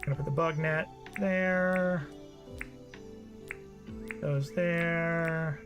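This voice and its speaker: A man's voice: fairly high pitch, steady tone, extremely slow, music in the background. A man streaming a farming game, chatting casually with his viewers while he plays. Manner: chatty, talks to the live chat. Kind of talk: casual gameplay commentary.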